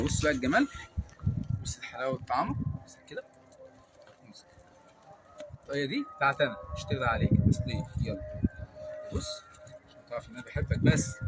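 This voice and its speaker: An Egyptian man, a charity founder, coaxing and soothing a homeless man outdoors on a sunny street, pleading and affectionate. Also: mid-range voice. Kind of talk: coaxing street outreach talk. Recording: loud street noise behind.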